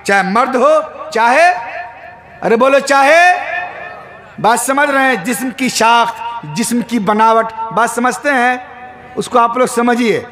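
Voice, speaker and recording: High, bright-voiced preacher man. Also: takes it slowly. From Bihar, India. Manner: humorous, keeps quizzing the crowd, bursts into shouts. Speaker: Islamic preacher. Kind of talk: sermon at a religious gathering.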